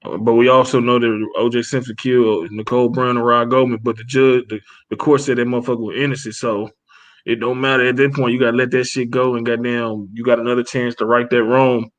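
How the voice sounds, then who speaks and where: A man co-hosting a casual boxing chat, profane and animated, acting out quotes as he tells stories. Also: mid-range voice, a little fast. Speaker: podcast co-host.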